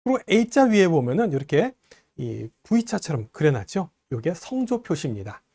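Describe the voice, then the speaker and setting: A language teacher leads an online lesson with a voice that rises and falls freely at a mid pitch. The delivery reassures learners and stops to model pronunciation slowly, repeating each line. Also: big pitch swings, mellow, husky.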